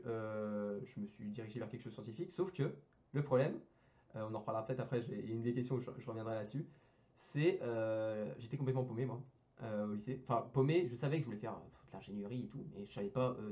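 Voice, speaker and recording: A young adult man, a guest who studies engineering, chats quickly in loose, slangy speech, stumbling over fillers and restarting sentences. His voice is mid-range and mellow. The recording sounds dull and lo-fi.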